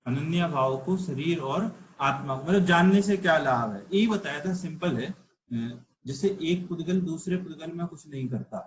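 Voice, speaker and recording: A man's voice: on the high side, moderate pace, reverberant, muffled recording, a little hiss or hum. A man teaching an online religious philosophy class, explaining patiently and asking rhetorical questions. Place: online video call class.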